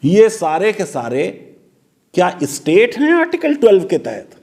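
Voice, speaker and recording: High-pitched man giving sarcastic legal commentary. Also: wildly swooping pitch, unhurried, a little mellow. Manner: sarcastic, rhetorical questions.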